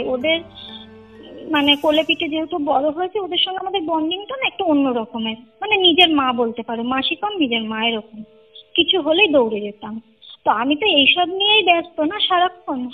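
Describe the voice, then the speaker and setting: A young woman from Kolkata, India, with a very high voice recounts a personal experience in Kolkata Bengali, speaking conversationally and emphatically, repeating points and checking in with the listener. She is on a narrow, tinny phone call with clear music playing underneath.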